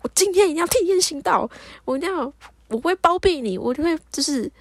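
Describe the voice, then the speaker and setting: A woman's voice: high-pitched, animated, fast talker, no room sound, clean studio sound, voice pushed up. A woman doing a furious scolding mother. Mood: righteous anger. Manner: stern, lecturing, righteous.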